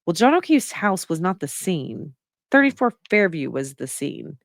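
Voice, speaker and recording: A woman's voice: fairly low pitch, big pitch swings, normal speed, no echo, clean studio sound. A woman giving casual spoken commentary, opinionated and reasoning her points aloud step by step. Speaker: true-crime commentator.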